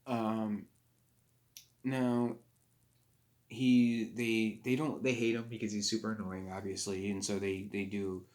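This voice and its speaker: A man casually recapping a movie plot for a review, rambling and halting, with frequent fillers and self-corrections. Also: lowish voice, little pitch movement, darkish tone.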